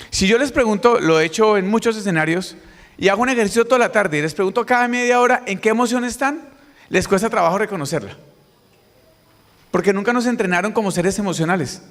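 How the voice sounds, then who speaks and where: A middle-aged Colombian man giving a conference talk, lively and quizzing the audience directly. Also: high voice. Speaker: motivational speaker. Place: large conference hall. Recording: reverberant hall, mic on stage.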